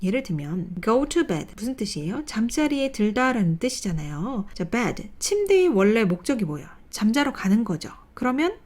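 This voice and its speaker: Animated woman teaching grammar. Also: on the high side. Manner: explains step by step, asks and answers her own questions; reads English example sentences slowly. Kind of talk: online grammar lecture.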